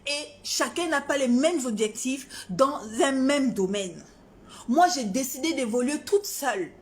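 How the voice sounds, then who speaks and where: A high-pitched woman from Gabon speaks straight to her audience in a heated rant. She is defiant and confrontational, hammering her points again and again. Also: expressive, a little slow. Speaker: singer. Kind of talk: heated social media rant.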